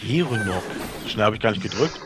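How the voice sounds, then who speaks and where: A man's voice: fairly low pitch, animated, fast, background noise. A man chatting casually and wryly while playing an online game with friends over voice chat. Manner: laid-back, wry, swears casually. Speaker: gamer. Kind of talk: casual multiplayer gaming chat.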